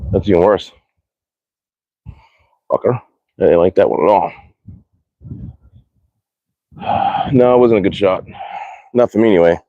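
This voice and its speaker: Man, low mellow voice, casual rambling livestream chat, answers comments, curses under his breath, dull lo-fi phone audio. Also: unhurried, pauses often, no room sound. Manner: mutters curses after bad shots. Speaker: archery livestreamer. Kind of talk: casual live-stream chat. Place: outdoor backyard archery range. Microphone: phone live-stream.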